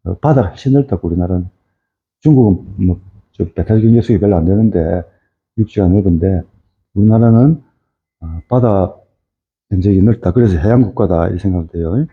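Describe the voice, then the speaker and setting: Brisk but broken by long pauses, a low-voiced middle-aged man rambles through an informal fisheries lecture, full of fillers and tag questions. The recording sounds tinny, like a phone.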